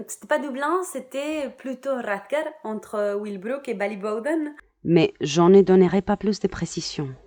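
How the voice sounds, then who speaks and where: A woman's voice: on the high side, echoey room. An actress playing a heartbroken, bitter Irish woman in a theatre monologue, crude and sardonic, sometimes dropping to a whisper. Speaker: actress in a one-woman show.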